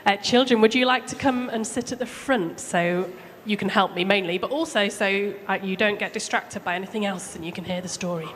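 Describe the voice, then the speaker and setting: A woman with a medium-pitched voice, speaking a little fast, tells a story to children during a church service. She keeps it chatty and simple, talking to the kids directly and quizzing them as she goes. The recording picks up the hall's echo and background noise.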